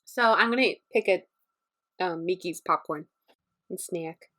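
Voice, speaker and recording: A woman's voice: on the low side, takes it slowly, a bit bright. A woman playing a tabletop game, joking around and laughing a lot. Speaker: player. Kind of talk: casual tabletop play.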